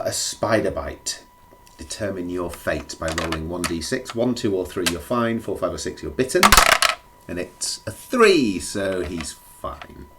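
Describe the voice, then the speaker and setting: Low croaky man narrating a board game. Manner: thinking aloud. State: feeling rough, under the weather. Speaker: solo board game player presenting a run-through. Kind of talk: casual play-by-play commentary. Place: indoors at a gaming table. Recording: clear background noise, clicks.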